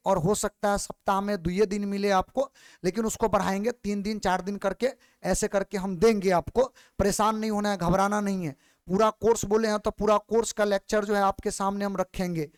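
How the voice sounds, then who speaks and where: A man's voice: high-pitched, smooth. A male physics teacher, lecturing patiently and repeating questions back to his students. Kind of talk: classroom lecture.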